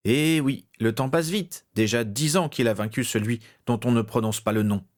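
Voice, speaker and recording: A man's voice: medium pitch, moderate pace, darkish tone, lightly acted. A man voicing a jovial, chatty male barman who talks in effusive bursts. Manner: effusive, exclamatory.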